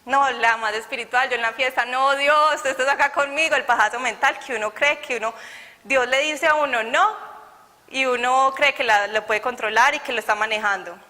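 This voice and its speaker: A woman's voice: on the high side, a little fast, pushed and bright. A young woman gives an earnest, conversational sermon and personal testimony, acting out the dialogue she recalls. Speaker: church youth speaker. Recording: reverberant hall.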